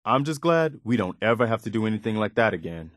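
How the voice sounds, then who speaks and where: This earnest video-game militia officer speaks sincerely and plainly, a loyal companion of firm principles. His voice sits fairly low, recorded dry and close, yet here he's very animated and fast with a fairly bright tone, sounding relieved and earnest.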